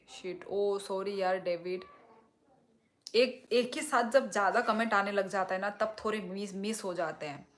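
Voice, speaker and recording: A woman's voice: medium pitch, a bit bright. A young woman from Tripura chatting casually on a livestream while reading comments, with a blunt tone that can sound like scolding. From Tripura, India. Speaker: livestream host.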